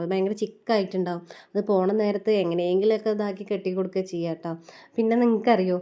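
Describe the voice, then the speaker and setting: A mother in her thirties with a Malayali accent does casual voice-over narration for her family vlog. Her medium-pitched voice is mellow and dark rather than bright, and her patter is quick and easygoing. Chatty and homely, she often ends lines with friendly little tag asides.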